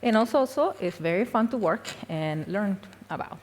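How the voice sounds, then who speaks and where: A young woman from Peru speaks at a conference hall with a medium-pitched, expressive, slightly mellow voice at normal speed. Her talk is casual and self-deprecating, sprinkled with fillers and little laughs.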